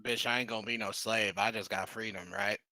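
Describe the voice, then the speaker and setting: A man's voice: on the low side, fairly even intonation, brisk, pushed and bright, no room sound. A man voicing a brash young male goblin sorcerer who talks in swaggering, profane street slang during a tabletop game. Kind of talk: tabletop role-play in character.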